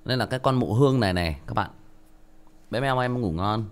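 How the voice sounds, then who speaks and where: A man's voice: medium pitch, expressive, a little fast. A male audiobook narrator, tired, reading a story and then chatting casually with many restarts.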